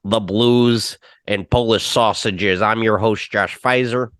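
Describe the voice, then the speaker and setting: A man hosting a movie podcast in casual chat, pausing often with fillers and restarts. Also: lowish voice, steady tone, a bit bright, clean tone, no room sound, clean studio sound. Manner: hesitant, full of fillers and restarts. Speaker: podcast host.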